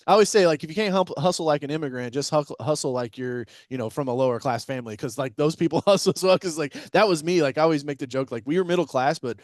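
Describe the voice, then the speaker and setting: A man's voice: a little high, quick pace, few pauses, no echo. A man hosting a business podcast, talking in a loose, chatty way with lots of fillers. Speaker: podcast host. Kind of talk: casual interview chat.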